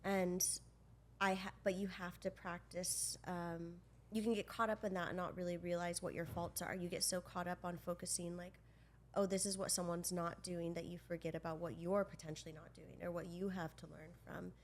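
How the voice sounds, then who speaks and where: A woman's voice: lowish voice, little pitch movement, moderate pace, a little hiss or hum. A woman in her thirties co-hosting a chat, talking in a gushing, enthusiastic way, full of "like". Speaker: podcast co-host. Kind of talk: casual interview chat.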